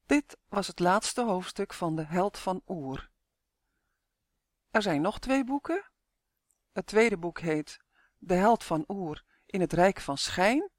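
A reader narrating a children's book in a calm, even storytelling manner. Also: medium pitch, slow pace, pauses often, no echo, clean studio sound. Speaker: audiobook reader.

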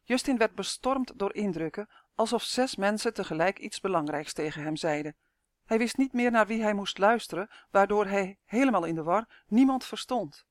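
Audiobook narrator reading steady and even, dry close mic. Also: medium pitch, moderate pace, no room sound.

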